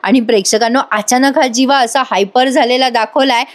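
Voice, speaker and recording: A woman's voice: on the high side, fairly even intonation, normal speed. A woman narrating a chatty voice-over recap of a TV serial episode, addressing the audience directly.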